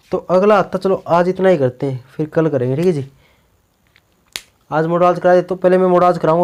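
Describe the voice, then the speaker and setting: A man's voice: fairly high pitch, a little mellow. A male teacher giving a classroom grammar lecture, peppering it with rhetorical questions and repeated "okay ji" check-ins.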